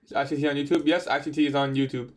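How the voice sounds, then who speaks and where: Very fast but steady in tone, a mid-range-voiced man in his twenties fields viewer questions on a trading livestream. He keeps the chat laid-back and slangy, often calling people "bro."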